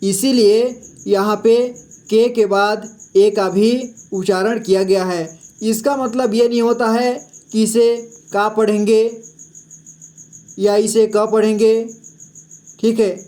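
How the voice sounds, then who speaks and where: Here a man with a warm, high-sitting voice explains Hindi syllables at a slow classroom pace, his intonation fairly even. Each sound gets repeated, and he frequently pauses to check understanding.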